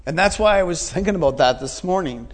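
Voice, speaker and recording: A man's voice: high voice, animated, quick pace. A man in his forties preaching a sermon in an earnest, repetitive way, asking his listeners questions. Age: 40s. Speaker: pastor.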